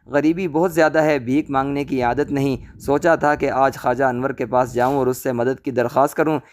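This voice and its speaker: A man voicing a scheming old woman in a storybook tale, flattering one moment and hurling curses the next. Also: medium pitch, slight background noise, lightly acted. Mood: pleading. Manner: flattering, then shrieking curses. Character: scheming old crone, wheedling and loud.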